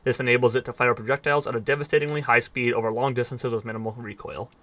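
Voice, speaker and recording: A man races through in-game text, reading it aloud for his viewers. His voice is bright and crisp, recorded close and dry with no room sound. Now and then he trips on a word or drops a dry aside. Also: medium pitch, steady tone, no echo. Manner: fast, slightly stumbling reading with dry asides. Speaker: gaming let's player.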